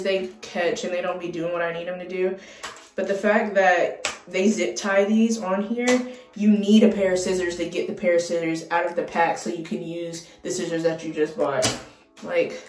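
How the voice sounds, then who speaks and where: A young woman chatting casually in a beauty vlog, excitable and full of dramatic exclamations. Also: fairly low pitch, far from the mic. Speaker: beauty vlogger. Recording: roomy, mic set back, faint music.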